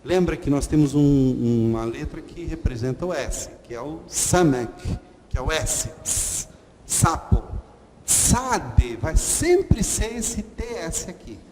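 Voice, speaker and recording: A man teaches at an unhurried, deliberate pace. His fairly high voice carries a long reverb. A faint hiss sits under the recording. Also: lively intonation, a little mellow. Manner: slow, patient, repeats letter sounds, frequent "ok?". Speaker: Hebrew teacher. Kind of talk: online lesson at a whiteboard.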